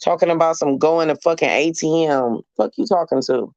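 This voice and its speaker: A woman in casual live-stream storytelling, talking to her chat in a profane, animated, mocking way. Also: sits low, moderate pace, no echo, highs cut off.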